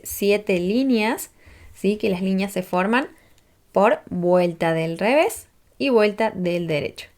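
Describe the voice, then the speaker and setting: A woman's voice: mid-range voice, a little mellow. A woman, patiently teaching a crochet tutorial step by step and checking in with listeners as she counts rows aloud. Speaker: crochet instructor.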